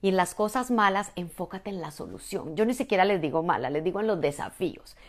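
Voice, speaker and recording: A woman, a mother and motivational speaker, giving an energetic, emphatic talk straight to the listener. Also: on the low side, brisk. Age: adult, mother.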